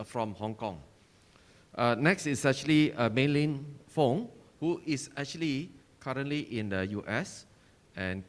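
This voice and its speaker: A man moderating an online panel, hesitant and full of fillers as he introduces speakers. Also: mid-range voice.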